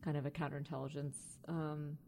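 A woman in her forties, from Iran, answers interview questions thoughtfully, pausing with fillers. Her voice is very low with a gravelly fry. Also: level tone, mellow, a little hiss or hum. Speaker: scientist guest. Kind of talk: podcast interview.

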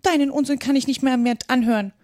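A woman's voice: high voice, fairly even intonation, fast, a little mellow, pitched above the performer's own voice, close to an everyday voice. A woman voicing a touchy, stern female mouse who speaks sharply and takes offence easily. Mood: cross.

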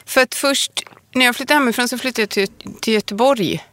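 A woman in her forties, from Västergötland in Sweden, speaks with a Borås accent as a guest on a podcast. Her voice is a little high and fairly bright, with no echo, and she chats casually, poking fun at herself and laughing often.

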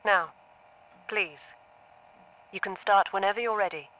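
A woman playing a patient, composed therapist with a measured, reassuring manner in an audio drama. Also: mid-range voice, bright, forceful tone, poor audio. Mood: calm, reassuring. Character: composed, patient female therapist, quietly probing.

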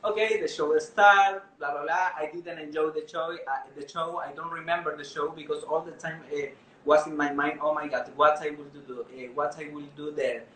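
Chilean man telling a lively story. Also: fairly high pitch, normal speed, reverberant, a little hiss or hum, rough recording. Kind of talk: live storytelling to an audience.

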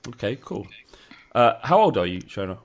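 Man, podcast host, lowish pitch, hesitant questions, stop-start interviewing. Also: sing-song, moderate pace. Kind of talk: interviewing a guest.

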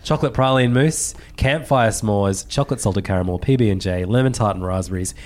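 A man's voice: fairly low pitch, brisk. Wry Australian man hosting a podcast. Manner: wry, swears casually. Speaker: podcast host. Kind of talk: casual chat.

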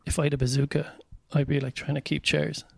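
A man's voice: on the high side, little pitch movement, fast talker, vocal fry, husky, no echo, clean studio sound. A man with a west of Ireland accent, chatting casually and telling comic stories in a wry, self-deprecating way. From County Mayo, west of Ireland. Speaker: stand-up comedian guest. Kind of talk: casual chat, comic anecdotes.

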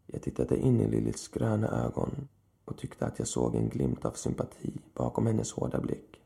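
A man telling a scripted horror story in the first person, in a slow, measured way. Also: fairly low pitch, big pitch swings, creaky, dark tone. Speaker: narrator.

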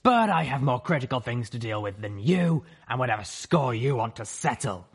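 A man voicing a cold, dismissive female griffin commander who speaks flatly. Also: medium pitch, moderate pace, creaky, slightly rough, heavily acted. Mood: cold, curt. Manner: flat and curt.

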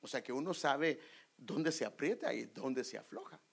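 A middle-aged man from Guatemala with a Guatemalan Spanish accent, preaching a sermon through a personal story, animated and sometimes dropping to a whisper. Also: medium pitch, normal speed, gravelly, husky. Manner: animated storytelling, drops to whispers for inner thoughts.

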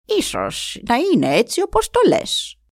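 A woman's voice: on the high side, huge pitch swings, gravelly, dry recording, clean studio sound, pitched above the performer's own voice, heavily acted. A woman doing a proud old wind eagle. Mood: calm. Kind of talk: storytelling.

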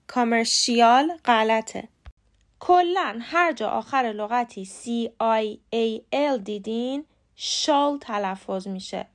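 A woman who hosts a podcast and teaches English pronunciation, speaking clearly and in measured steps, spelling words out letter by letter. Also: fairly high pitch. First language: Persian. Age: adult with a young son. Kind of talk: short scripted lesson.

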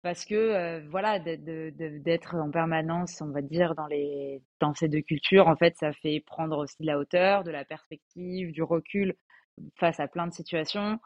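A woman's voice: low-pitched, fairly even intonation, moderate pace, darkish tone, muffled recording. A woman in her twenties, a podcast guest, talking casually and hesitantly with lots of fillers. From France. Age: 20s. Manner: hesitant, many fillers, chatty. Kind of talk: casual conversation.

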